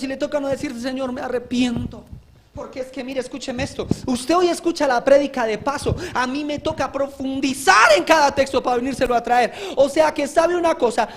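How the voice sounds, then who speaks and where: A male pastor giving a live church sermon, fervent and exhorting, breaking into shouts and joking asides. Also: very high voice. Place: church service.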